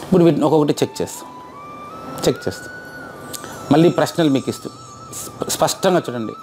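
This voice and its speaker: Fast, high-voiced man quizzing an audience. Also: expressive, darkish tone, faint music behind. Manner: quizzes audience, repeats questions. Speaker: teacher. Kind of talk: interactive lecture.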